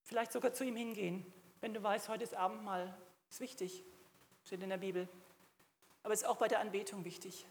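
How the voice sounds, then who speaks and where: A woman's voice: mid-range voice, steady tone, a little fast, long pauses, long reverb tail. A middle-aged woman preaching a sermon to a congregation, emphatic and at times rising to fervent exclamations. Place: church hall.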